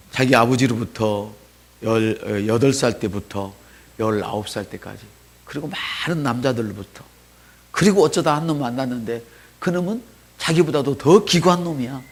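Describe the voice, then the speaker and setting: A man preaching a sermon as pastor in a church, dropping to soft asides and rising to loud calls, and leading the congregation in spoken responses. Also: medium pitch, slightly rough.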